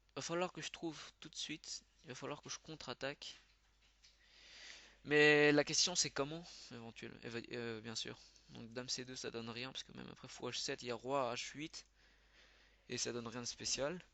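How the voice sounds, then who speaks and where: A man giving live commentary as he plays, thinking aloud with quick muttered exclamations. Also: medium pitch, fairly even intonation, creaky, bright, forceful tone. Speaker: channel host. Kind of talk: live commentary while playing.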